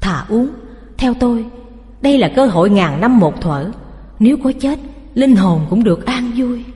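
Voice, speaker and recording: A woman's voice: fairly high pitch, animated, moderate pace, mellow, close to an everyday voice. A woman voicing a frail, devout, seriously ill wife who speaks weakly and tiredly. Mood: resigned. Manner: weak, tired, resigned. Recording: reverberant room.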